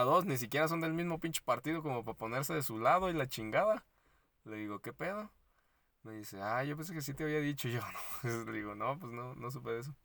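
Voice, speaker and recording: A man with a Mexican accent co-hosting a podcast, retelling a story in slangy, animated casual chat and acting out the quotes. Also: mid-range voice, dry recording. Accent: Mexican Spanish. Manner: frequent laughs and fillers like "este". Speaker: podcast co-host.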